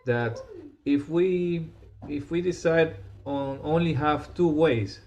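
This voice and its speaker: A man hosting a podcast interview from his home, speaking haltingly with many restarts, over a remote call. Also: fairly high pitch. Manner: halting, restarts often, warm praise. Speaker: podcast host. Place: home with family nearby. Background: faint household sounds.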